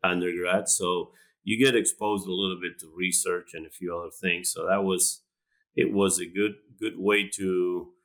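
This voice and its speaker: Deep-voiced Argentine man, bright tone. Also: little pitch movement, normal speed, poor audio. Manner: hesitant, many restarts and fillers. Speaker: animal science professor, guest. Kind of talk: conversational interview.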